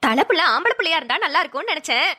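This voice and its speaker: A gentle pregnant young wife from a family cartoon who answers quietly and politely, as a woman voices her a little lower than her own voice. Her tone is soft and bright. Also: big pitch swings, rapid-fire, full character voice. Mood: meek. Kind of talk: cartoon voice acting.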